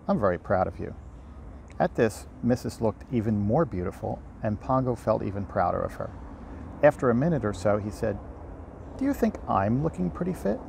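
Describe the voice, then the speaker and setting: An amateur audiobook reader and host sits by a river reading a storybook in an unpolished way, sometimes stumbling and going back over lines. He has a fairly low, creaky voice with a dark tone, and faint outdoor ambience surrounds him.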